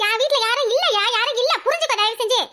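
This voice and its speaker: A woman performs a cartoon role: a quarrelsome village housewife with a sharp tongue and a Kanyakumari Tamil accent. Her delivery is rapid and scolding, pitched very high.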